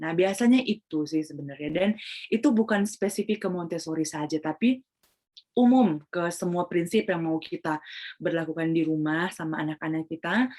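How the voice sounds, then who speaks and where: A woman's voice: fairly low pitch, darkish tone. A woman Montessori trainer explaining in an online webinar, mixing English phrases into her talk and acting out examples. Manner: acts out examples of what she tells children.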